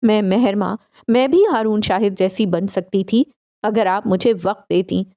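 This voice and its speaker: A woman voicing an enraged young woman who shouts and bites out her words at her mother. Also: mid-range voice, no room sound, close to an everyday voice. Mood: furious. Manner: shouting, then cold and biting.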